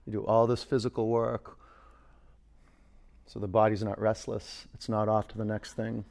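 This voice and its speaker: A man's voice: on the low side, flat delivery, normal speed, creaky, a little mellow. A man teaching a yoga class, giving short, direct cues and reflective guidance, often repeating phrases for emphasis. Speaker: yoga instructor.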